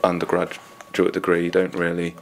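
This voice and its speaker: A man in his twenties, a PhD student, answering interview questions in a relaxed, casual way. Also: low voice, normal speed, creaky, a little hiss or hum. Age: 20s.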